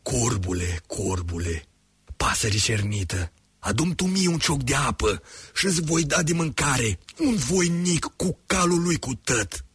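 A man's voice: medium pitch, a bit bright, slightly rough, dry recording, voice pushed up. A man voicing a huge, furious, boastful old monster father in a storybook tale, roaring his threats. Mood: demanding.

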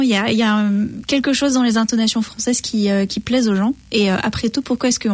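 A woman's voice: a little high, no echo. A woman talking casually in a thoughtful, agreeable way, picking her words with care. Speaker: conversation partner. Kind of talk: casual conversation.

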